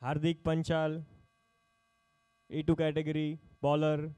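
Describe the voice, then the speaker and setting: A man's voice: a little high, monotone, a little slow, warm tone, smooth, dry recording. A man working as an auctioneer at a live sports player auction, calling out bids in short, repeated phrases.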